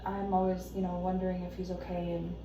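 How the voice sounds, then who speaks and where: A woman's voice: fairly low pitch, completely flat delivery, fast, close to an everyday voice. A woman playing an anxious caregiver wife, very echoey. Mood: anxious, apologetic. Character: anxious, devoted wife caring for her husband. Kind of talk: role-play counselling session. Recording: echoey room, distant mic, noisy background.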